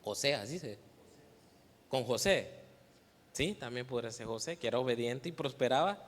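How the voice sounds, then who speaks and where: A man's voice: mid-range voice, expressive, brisk. A man with a Mexican Spanish accent preaching to a youth meeting, asking the audience questions, waiting for their answers and teasing them playfully. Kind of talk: sermon. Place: church hall. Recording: reverberant church hall.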